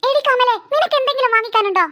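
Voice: very high voice, racing, sharp tone. A voice actor playing a chatty woman friend in a cartoon, going along with the mother on a trip. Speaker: cartoon character. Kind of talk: cartoon voice acting.

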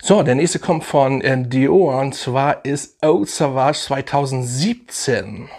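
A man's voice: mid-range voice, animated, slow, a little mellow. Enthusiastic slangy man reviewing fragrances. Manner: enthusiastic, slangy, rambling with fillers. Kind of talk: casual product review vlog.

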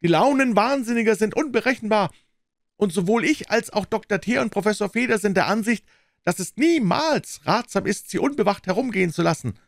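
A man voicing a smooth, evasive older male asylum director with a lively, insisting manner. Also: mid-range voice, moderate pace, dry recording, clean studio sound, pitched below the performer's own voice. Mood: shouting.

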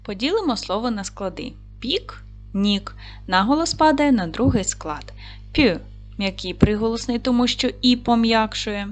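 A woman teaching a recorded lesson to young schoolchildren. She speaks slowly and carefully, asks questions, pauses, and then answers them herself. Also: on the high side, animated, faint music behind. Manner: slow, careful, clearly spelled-out speech. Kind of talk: video lesson for young children.

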